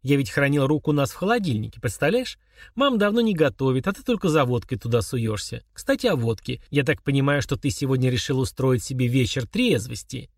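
A man voicing a calm, mocking young man who chats casually while confessing murder to his father. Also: medium pitch, fairly quick, no echo, clean studio sound. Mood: coolly sneering. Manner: chummy, sneering, confessional tone.

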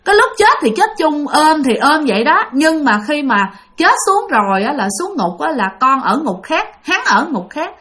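A woman's voice: sits high, sing-song, moderate pace, hardly any pauses, a bit bright, voice pushed up. A woman telling of a bitter young man's ghost. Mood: resentful. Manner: insistent, repeating himself.

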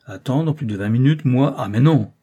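A man reading an audiobook, voicing a boastful young male dandy in a shrill, grating voice with loud exclamations. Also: normal speed, close to an everyday voice. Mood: blustering.

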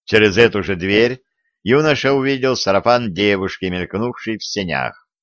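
A man reading an audiobook in a measured, unhurried manner. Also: lowish voice, a bit bright, no room sound, highs cut off. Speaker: audiobook narrator. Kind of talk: audiobook narration.

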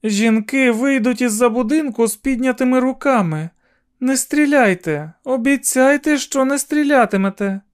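A man's voice: very high-pitched, expressive, clean tone, pitched above the performer's own voice, heavily acted. A man voicing a woman calling out through smoke, her voice choked and urgent, in a scripted audiobook narration. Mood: pleading. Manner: shouting with slow insistent pleading.

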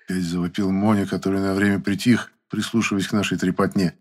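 A man with a very low voice reads an audiobook in the first person. His delivery is wry and even-paced, the steady style of a storyteller. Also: quick pace. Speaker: audiobook narrator.

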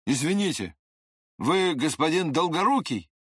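A reader voicing an excitable, pretty teenage boy who chatters eagerly in an audiobook. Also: mid-range voice, unhurried, breathy edge, no room sound, clean studio sound, pitched above the performer's own voice, full character voice. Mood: chattering.

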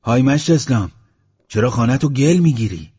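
A man voicing an insistent village elder who shouts and presses questions, in a dull lo-fi audiobook recording. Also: on the low side, slightly rough. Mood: calling out.

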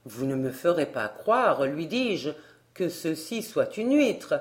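Woman voicing an exasperated gruff man. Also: low voice, very animated, slow pace, heavily acted. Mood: indignant. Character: indignant grown man, first-person hero.

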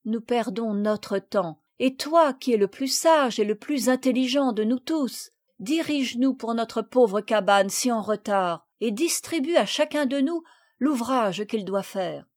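A woman voicing a gentle, peacemaking young girl in a storybook reading, speaking in a soft, affectionate way. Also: on the high side, expressive, measured pace.

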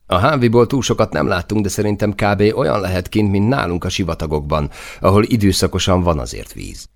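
A man voicing a thoughtful male soldier who explains things calmly. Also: low voice, gravelly, voice pushed up. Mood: explaining. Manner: explanatory, measured.

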